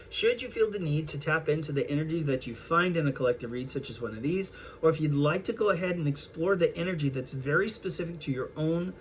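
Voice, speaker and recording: A man giving a spiritual tarot reading to an online audience, speaking in a gentle, affirming way and calling his listeners darlings and collective. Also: fairly high pitch, a little hiss or hum. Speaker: tarot reader.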